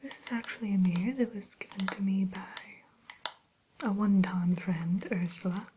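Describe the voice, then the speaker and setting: A woman playing a haughty evil fairy-tale queen turned shopkeeper in a breathy ASMR whisper, speaking in a genteel, unhurried way. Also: medium pitch, fairly even intonation, noisy background, lightly acted. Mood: genteel, disdainful. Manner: genteel, aloof, unhurried, hesitant pauses.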